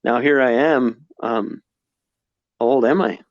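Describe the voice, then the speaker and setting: A man in his forties talks reflectively as a podcast guest, often restarting his sentences. His voice sits in an ordinary middle pitch. The sound is dry and slightly dull, like a modest podcast recording. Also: a little slow, dry recording. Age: 40s. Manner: reflective, many restarts and fillers. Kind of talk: casual conversation.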